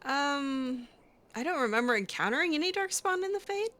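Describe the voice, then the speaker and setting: Speaking at a moderate pace, the woman has a high, expressive, somewhat bright voice. She is role-playing her game character aloud, improvising loose in-character talk that's chatty and hesitant, tinged with mild sarcasm.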